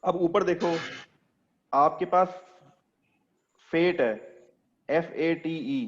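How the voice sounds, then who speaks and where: A man's voice: fairly high pitch, extremely slow, dull audio. A man teaching an English class online, explaining step by step and quizzing his students as he goes.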